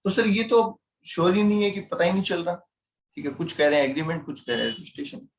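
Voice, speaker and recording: A man's voice: sits high, animated, fast talker. Indian man teaching a class, echoey. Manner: explains with everyday role-play examples, asks students questions. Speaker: CMA teacher. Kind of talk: online class lecture.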